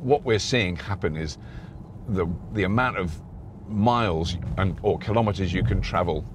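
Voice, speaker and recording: A man's voice: deep voice, moderate pace. A middle-aged man hosting a car review, talking casually while he drives, rambling and restarting his sentences. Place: inside a moving car. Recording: road noise in a moving car.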